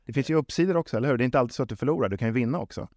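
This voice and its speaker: A man's voice: medium pitch, darkish tone, no echo, studio quality. A man answering interview questions in a conversational way, often repeating and rephrasing words as he reasons things through. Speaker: football club sporting executive, interviewee.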